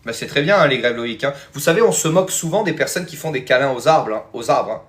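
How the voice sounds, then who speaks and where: Hosting a live stream as a spiritual teacher, a man chats casually with viewers and answers their comments, rambling with lots of fillers and "hein" and calling them "les amis." His medium-pitched voice is lively in intonation, fast, and a bit bright.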